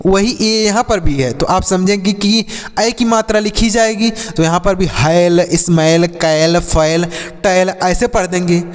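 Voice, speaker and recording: A man teaching pronunciation as a teacher, spelling words out slowly and then asking and answering his own questions, and calling viewers dear children. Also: high voice, long reverb tail. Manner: slow, spelled-out explanations with call-and-response questions to himself. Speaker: English teacher. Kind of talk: classroom-style pronunciation lesson.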